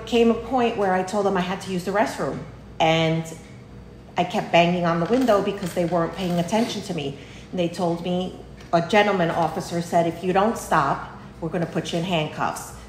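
A grieving mother recounts what happened in a quiet, subdued way. Her voice is low for a woman and sounds roomy and set back. A faint ambient hum sits behind it. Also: moderate pace. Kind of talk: interview recounting.

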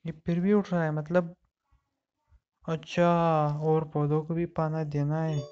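A man's voice: a little high, level tone, unhurried, warm tone, smooth, dull audio. A man giving casual gameplay commentary as a gamer, chatting to himself while he works through a puzzle game.

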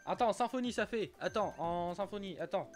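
A man's voice: high voice, animated, moderate pace, faint music behind. A man streaming a kart racing game live, chatting casually with viewers, often stumbling and repeating himself and swearing now and then.

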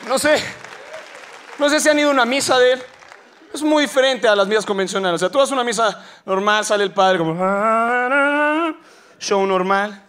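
A male stand-up comedian with a Mexican accent, delivering an animated, slangy live set on stage. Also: very high voice, fast talker, clear, resonant tone, a faint crowd. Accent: Mexican Spanish. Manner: animated, slangy, acting out voices.

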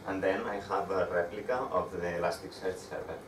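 This young Spanish man, low-voiced and level in tone, gives a tech talk with slides as a meetup speaker, halting and frequently restarting. He's in a dark room with a projector screen, recorded by a far camera in an echoey space with audible background noise.

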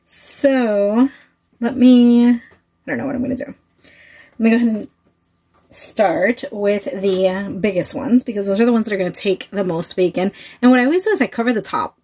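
A woman with a medium-pitched, dark voice chats casually to camera at a moderate pace while cooking in a small trailer kitchen, laughing often as she works. She's a cooking vlogger using a phone-plugged mic near the counter, and the recording is dry with poor audio.

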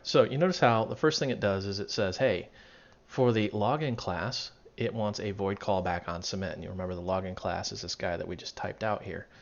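A programming tutorial instructor walks through code in a casual screen recording, thinking aloud and correcting himself along the way. He's losing his voice, so it's turning raspy, and it sits on the low side. A dull lo-fi mic picks him up along with keyboard typing and clicking in the background.

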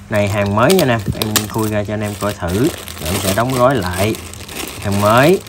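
A man with a southern Vietnamese accent presents goods in a casual, stop-and-start sales pitch. His voice sits at a medium pitch and he talks informally, as if to buddies. The recording is clearly noisy, with clicks and tool sounds. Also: fairly bright tone. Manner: informal, halting pitch addressing viewers as buddies. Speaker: tool seller presenting products. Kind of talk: casual sales demo, unboxing tools.

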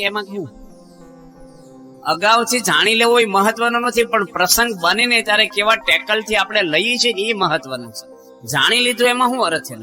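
A monk preaches in a folksy storytelling style, slipping into the voices of the people in his stories. His voice is fairly high and very bright. Faint music plays behind him. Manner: folksy storyteller acting out quoted dialogue. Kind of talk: devotional sermon with storytelling.

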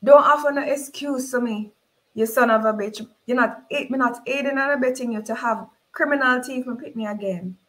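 A woman voicing a desperate middle-aged woman, calling out in high, pleading cries. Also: flat delivery, brisk, few pauses. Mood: furious.

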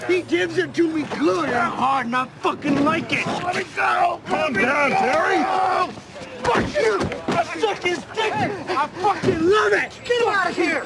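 An actor playing a brash, foul-mouthed young man from a rough family, blunt and streetwise, in a TV drama. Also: mid-range voice, heavy background noise, lightly acted. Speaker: TV drama character.

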